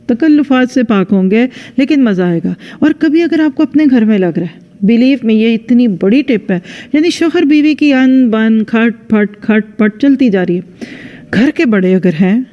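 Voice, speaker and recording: A woman's voice: fairly high pitch, lively intonation. A woman religious teacher giving a conversational lecture into a microphone, speaking straight to her listeners and acting out sample dialogues. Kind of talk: religious lecture to a women's audience. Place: lecture venue with a live audience. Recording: dull lo-fi sound with long hall reverb.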